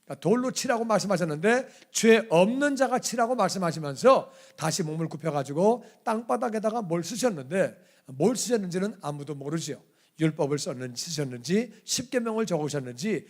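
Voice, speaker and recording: A male pastor preaches in a notably high voice for a man. He is animated and theatrical, acting out the voices in his story and often putting questions to the congregation. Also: fairly quick. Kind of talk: sermon.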